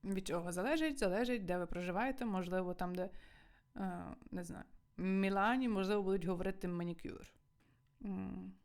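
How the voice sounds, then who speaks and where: A woman teaching a language online, talking in a chatty, easy way. She acts out little example exchanges with lively swings in her voice, at a middle pitch. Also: fairly quick.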